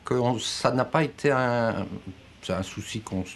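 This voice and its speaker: A man interviewed as a parent, speaking haltingly with repeated words and pauses. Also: medium pitch, slight background noise. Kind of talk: hesitant interview speech.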